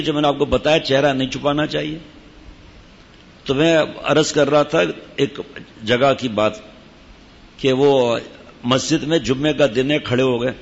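A man's voice: a little high, vocal fry, slightly rough. A man, a sheikh speaking to his disciples, gives an informal religious talk in a conversational way, breaking off now and then for asides to his listeners. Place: gathering in a Sufi lodge. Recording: dull, echoey hall recording.

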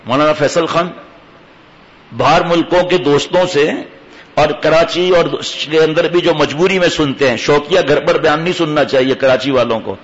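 A man delivers a sermon, often asking the congregation rhetorical questions. His voice sits a little high. The recording is dull and carries a long hall reverb. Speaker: preacher.

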